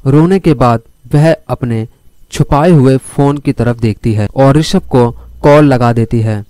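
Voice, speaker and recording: A man telling a crime story, speaking straight to his listeners as he moves the plot along. His voice is dark and mellow, and the recording is close and dry. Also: mid-range voice, measured pace, no echo. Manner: addresses listeners directly while telling the story.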